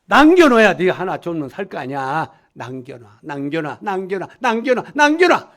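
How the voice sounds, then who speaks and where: A man's voice: high voice, very animated, moderate pace. A man voicing a devil who whispers temptations to believers, coaxing and nagging.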